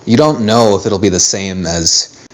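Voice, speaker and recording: A man's voice: lowish voice, expressive, measured pace. A man narrating as game master, laid-back and joking, on a phone mic.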